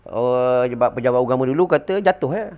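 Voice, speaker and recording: A middle-aged Malaysian man giving a religious lecture to an audience, telling stories with lively call-and-response asides. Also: mid-range voice, fast, highs cut off. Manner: animated storytelling with call-and-response fillers. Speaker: religious teacher.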